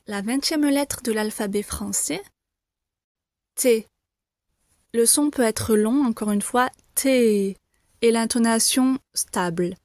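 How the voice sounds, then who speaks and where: A woman teaching the alphabet to beginners, saying each letter slowly and clearly, repeating it and reassuring learners. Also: fairly high pitch, a little mellow, no echo, clean studio sound. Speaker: French teacher. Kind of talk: slow, careful pronunciation lesson.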